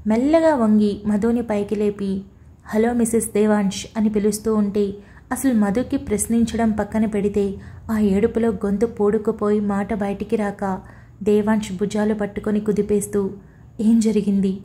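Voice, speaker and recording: Warm-voiced woman narrating a romance. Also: medium pitch, normal speed. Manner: steady, emotive storytelling. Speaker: storyteller. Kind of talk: scripted audiobook narration.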